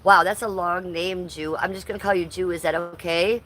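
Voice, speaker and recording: A woman in her fifties runs a relaxed livestream from her front yard, greeting viewers by name with playful warmth. Her fairly low, fairly bright voice stays steady at a normal speed, with faint roofing work in the background.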